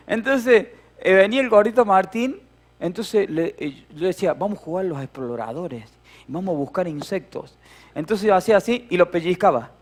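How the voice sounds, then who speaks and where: A middle-aged pastor with a Rioplatense Spanish accent preaches a sermon, telling a childhood story with playful humor and acting out voices. His voice sits high.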